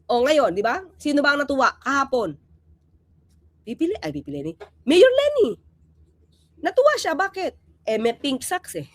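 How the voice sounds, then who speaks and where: A woman's voice: high voice, moderate pace, vocal fry, long pauses, no echo. A woman hosting a casual political commentary vlog, talking emphatically and animatedly and throwing out rhetorical questions to her viewers. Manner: emphatic, keeps asking rhetorical "di ba?"; animated, swings between loud and quiet.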